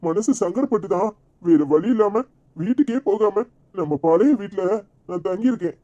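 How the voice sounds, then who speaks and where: A woman voicing a meek, remorseful grown brother in a Tamil cartoon, speaking softly with a Tirunelveli accent. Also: lively intonation, normal speed, lo-fi sound, close to an everyday voice. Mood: apologetic. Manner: soft, apologetic, lowered voice. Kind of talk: cartoon voice acting.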